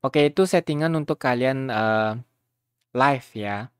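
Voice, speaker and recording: With a smooth, medium-pitched voice and a slightly slow pace, a man leads viewers through a software tutorial on YouTube. He keeps it chatty with streamer slang and regular check-ins, and the studio-quality audio has no room sound.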